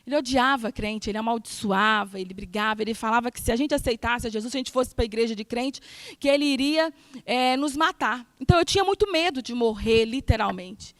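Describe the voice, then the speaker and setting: A woman giving a sermon testimony in church, earnest and emphatic, moving between soft and loud passages. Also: a little high, fairly quick, no room sound. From Brazil.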